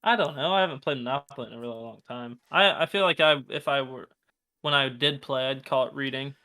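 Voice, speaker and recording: A man's voice: mid-range voice, fast, bright, forceful tone, no room sound. A young man co-hosting a podcast, laid-back, giving short replies and quips. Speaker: podcast co-host. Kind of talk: casual chat.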